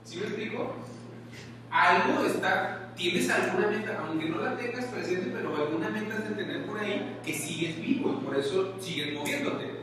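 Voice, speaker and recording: A man's voice: high voice, normal speed. A man with a Mexican accent giving a motivational lecture to an audience, talking conversationally and asking them questions all the time. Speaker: conference speaker. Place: large conference hall. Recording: very echoey hall, distant, faint noise.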